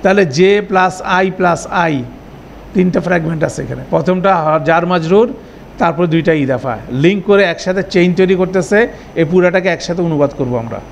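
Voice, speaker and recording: A man's voice: sits high, fairly quick, gravelly, slight background noise. A man teaching Arabic grammar in a classroom lecture, explaining step by step and checking that students follow.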